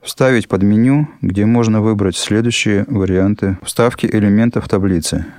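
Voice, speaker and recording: A man reading scripted instructional narration as an instructor, in a measured, formal manner. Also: fairly low pitch, a little mellow. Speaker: instructor narrating a software lesson.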